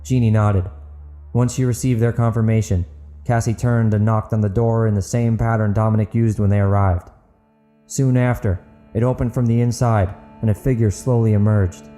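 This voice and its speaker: Soft music sits under this podcast host and author as he narrates in a storyteller's manner. His voice is on the low side and dark, flat in delivery, at a normal speed. The material is dramatic audiobook narration plus a podcast outro.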